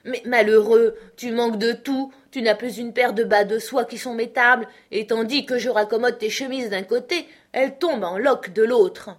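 Une lectrice qui fait parler une femme âgée, pratique et grondeuse, qui sermonne son frère. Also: female voice, fairly high pitch, steady tone, moderate pace, hardly any pauses, pitched above the performer's own voice, close to an everyday voice. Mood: reproachful. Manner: fussing, reproachful. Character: scolding, practical older sister, a woman.

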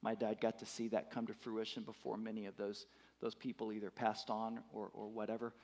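A man's voice: on the low side, completely flat delivery, fairly quick, darkish tone. A man in his fifties preaching a sermon, emphatic, repeating his words and putting questions to the congregation. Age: 50s. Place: church.

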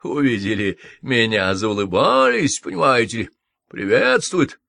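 A man voicing an eccentric, excitable middle-aged official who exclaims and mocks theatrically in an audiobook. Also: medium pitch, measured pace, creaky, no room sound, exaggerated voice. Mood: mocking. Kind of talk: audiobook character voice.

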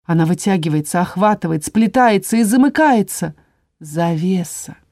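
A woman voicing a calm male dragon inquisitor who speaks softly and soothingly. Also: on the low side, moderate pace, dry recording, clean studio sound. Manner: soft, soothing, hushed.

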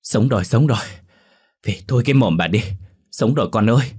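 A man voicing an elderly village woman, loud and lamenting, in a ghost story. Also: low voice, fast talker, husky. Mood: overjoyed.

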